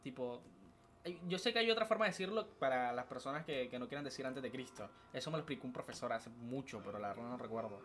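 A man's voice: medium pitch, lively intonation, quick pace, fairly bright tone, slight background noise. A young man co-hosting a casual podcast, reading notes aloud with stumbles and side remarks. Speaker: podcast co-host. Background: faint background music.

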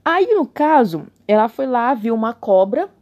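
A woman's voice: a little high, animated, a little slow, a little mellow. Tipsy, sarcastic woman. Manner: irreverent, sarcastic, swears, drawls. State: tipsy from beer. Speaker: comic commentator reading the Bible. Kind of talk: casual comedic Bible commentary.

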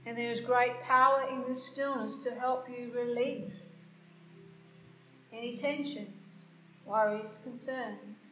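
A woman guiding a slow meditation in a soft, hushed, unhurried voice with long pauses. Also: fairly high pitch, fairly even intonation. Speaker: podcast host and meditation guide. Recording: roomy, echoing sound with faint music.

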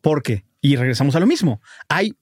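A man's voice: mid-range voice, big pitch swings, brisk, a little mellow, breathy edge, dry recording, studio quality. A man with a Mexican accent co-hosting a casual podcast chat, opinionated and swearing freely. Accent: Mexican Spanish. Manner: opinionated, profane, repeats words. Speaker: podcast co-host.

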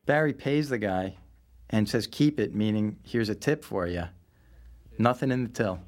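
Deep-voiced man doing film commentary. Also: moderate pace, darkish tone. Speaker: filmmaker. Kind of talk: film commentary, casual explanation.

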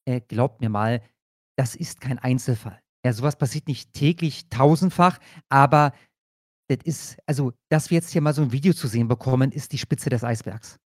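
A man's voice: mid-range voice, moderate pace, no room sound, studio quality. A man hosting a casual news reaction show, talking loosely with frequent filler sounds and restarts. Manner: hesitant, many fillers and restarts. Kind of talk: casual commentary.

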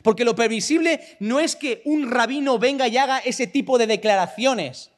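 Guy from preaching, very high voice, lots of rhetorical questions, echo hanging in a big room. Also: moderate pace. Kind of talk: sermon. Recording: long reverb of a large room.

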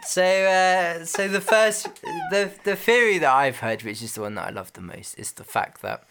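Bright-voiced man with roadman slang. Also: high-pitched, lively intonation, normal speed, slight background noise. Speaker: podcast co-host. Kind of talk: casual banter.

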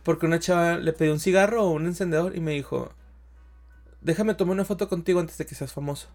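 A young Mexican man, a stand-up comedian, telling stories in a slangy, animated way and acting out what people said. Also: a little high, quick pace, faint music behind. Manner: animated storyteller, slangy, acts out quotes. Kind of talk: casual podcast chat.

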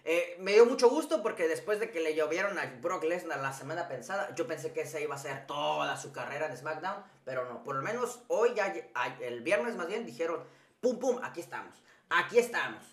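A man's voice: on the high side, animated, a little fast, hardly any pauses, roomy sound. A man co-hosting a wrestling podcast, recapping matches in a joking way and using lots of colloquial slang. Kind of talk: casual chat.

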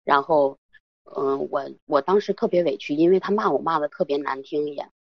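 A woman's voice: sits low, normal speed, no room sound, lo-fi sound. A woman in her thirties calling an advice show, talking hesitantly with many fillers. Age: 30s. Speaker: caller. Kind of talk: call-in advice talk.

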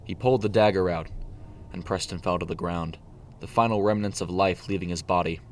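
Man, deep low voice, steady story narration, faint background noise. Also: fairly quick.

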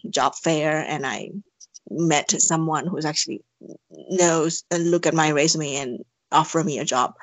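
With a deep voice and no room sound, a Thai woman chats in a casual interview, her English carrying a Thai accent. She answers hesitantly, with plenty of fillers and restarts.

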